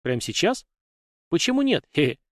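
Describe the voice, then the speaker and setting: A man's voice: fairly high pitch, sing-song, brisk, dry recording, studio quality, voice pushed up. Brief: male reader as sneering karate-fighting thug, mocking and slangy, audiobook. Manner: mocking, slangy, chuckling threats.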